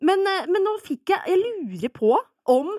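A woman's voice: extremely high pitch, very animated, mellow, dry recording, clean studio sound. A young woman co-hosting a casual podcast, chatty and frank, joking about herself. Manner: chatty, self-mocking, frank about money. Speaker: podcast co-host.

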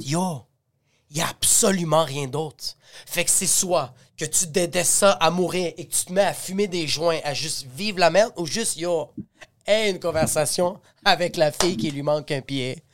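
A man with a Québécois accent chatting casually on a podcast, telling lively stories and acting out other people's voices. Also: a little high, normal speed. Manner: animated storyteller, acts out voices, slangy. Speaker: podcast host. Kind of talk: casual chat.

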